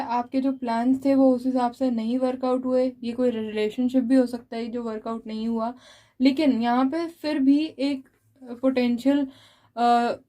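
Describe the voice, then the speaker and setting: A woman with a high but mellow voice gives a monthly tarot reading. She walks through each card at an unhurried pace and speaks straight to her viewers. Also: low-quality recording. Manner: explains each card slowly, addressing the listener directly. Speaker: tarot reader.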